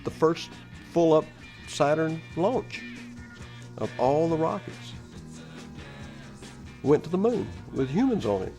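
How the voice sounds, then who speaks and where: High-pitched, emphatic man. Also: big pitch swings, takes it slowly, long pauses, dark tone, faint music behind. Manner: emphatic, colloquial. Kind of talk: documentary interview commentary.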